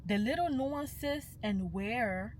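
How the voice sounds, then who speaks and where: Animated but taking her time, a young woman with a slightly high voice gives a casual vlog monologue, emphatic and passionate, with Yoruba phrases mixed in, since Yoruba is her first language. There's a little hiss or hum in the background.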